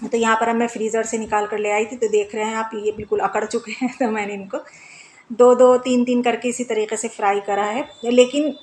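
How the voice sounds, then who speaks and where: A woman in her thirties chatting casually in a home vlog, talkative and laughing often. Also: a little high. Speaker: home vlogger.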